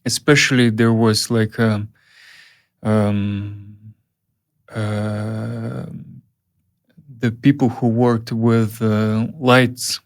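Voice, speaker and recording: Halting man. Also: fairly low pitch, level tone. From Uyghur region, Central Asia. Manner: halting, many fillers and restarts. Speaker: film director guest. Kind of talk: casual interview storytelling.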